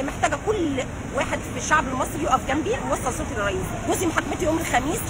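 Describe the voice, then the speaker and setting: Pleading Egyptian woman in a roaring street. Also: sits high. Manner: pleading, urgent, repetitive. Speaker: wife of a detained man. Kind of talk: livestream street appeal. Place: busy city street outdoors. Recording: loud street crowd and traffic.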